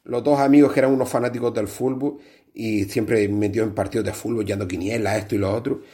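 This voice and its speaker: A man's voice: lowish voice, steady tone, mellow. A man telling a string of jokes one after another and voicing the characters in them. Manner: rapid-fire storytelling that voices the characters. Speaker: joke teller.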